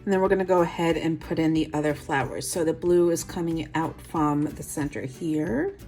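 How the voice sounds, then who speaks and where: A woman's voice: low voice, normal speed, warm tone, soft background music. A woman with a New York accent hosting a nail art tutorial, talking through each step with chatty, self-deprecating asides.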